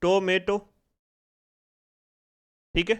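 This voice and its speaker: High, clear-voiced man teaching phonics. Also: level tone, very slow, fairly bright tone. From India. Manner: repeats questions to the class, drills each sound step by step. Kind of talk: spoken phonics lesson.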